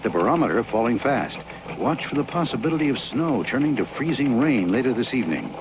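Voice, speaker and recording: A man's voice: mid-range voice, sing-song, fairly quick. A man reading a scripted commercial in the style of a weather forecast. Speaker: commercial announcer. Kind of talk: mock weather forecast ad read. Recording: noisy 1980s television ad.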